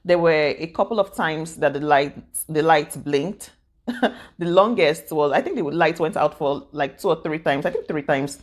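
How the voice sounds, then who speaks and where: A woman's voice: low-pitched, normal speed. A woman vlogging casually to the camera from home in the morning, chatty and rambling, laughing often and restarting her sentences. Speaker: YouTube vlogger. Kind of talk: casual direct-to-camera vlog chat.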